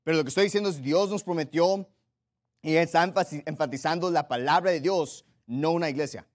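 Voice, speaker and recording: Emphatic, fairly high-voiced male preacher. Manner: emphatic, repeats key phrases, slows down for scripture; addresses the listeners directly with rhetorical questions. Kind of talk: sermon.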